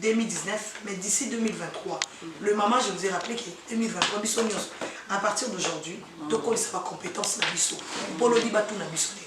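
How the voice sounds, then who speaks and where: A woman's voice: medium pitch, quick pace, background noise. A woman from DR Congo with a Congolese French accent, leading an association and addressing a gathering, slipping between French and Lingala in loose, rambling phrases. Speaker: association leader. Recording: echoey hall from far off with loud crowd.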